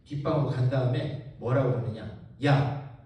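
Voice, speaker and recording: A man's voice: sits high, sing-song, moderate pace, darkish tone. A male pastor giving a Bible-study sermon, telling a story with animation and asking the congregation questions, recorded in a church hall from far off. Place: church sanctuary.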